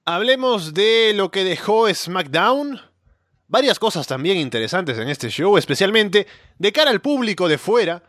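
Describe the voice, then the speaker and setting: A man with a somewhat high voice co-hosts a wrestling podcast and steers the talk to the next topic. He gives measured, opinionated takes, and the sound is close and dry. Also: sing-song, fairly bright tone, dry recording. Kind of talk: casual opinion chat.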